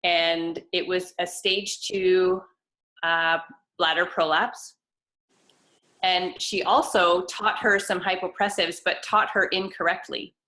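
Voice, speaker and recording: A woman's voice: lowish voice, flat delivery, slow, pushed and bright, low-quality recording. A woman co-hosting a casual video call, telling a long story with many restarts. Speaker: co-host, fitness trainer.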